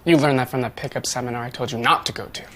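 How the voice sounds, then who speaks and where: A man's voice: mid-range voice, steady tone, racing, sharp tone, lightly acted. A man playing an eager, self-assured young man in a sitcom. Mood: confident. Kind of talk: sitcom acting.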